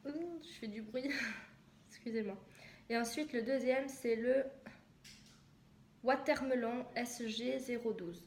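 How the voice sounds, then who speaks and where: A woman's voice: on the high side, slow pace, pauses often, a little mellow. A young woman from southwest France chatting casually in a haul video, hesitant and full of fillers. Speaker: vlogger. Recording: echoey room with noise.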